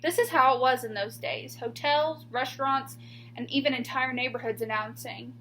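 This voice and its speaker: A teacher with a high voice reads a picture book aloud to children, expressive in a classroom way. She pauses on purpose and stresses key words. The low-quality recording carries some faint noise and hum.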